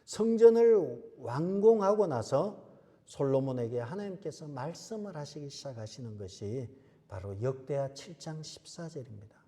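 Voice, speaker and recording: Emphatic pastor preaching in a reverberant church. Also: male voice, medium pitch, lively intonation, moderate pace, dark tone. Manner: emphatic, repeats key phrases, asks rhetorical questions. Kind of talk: sermon. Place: church sanctuary.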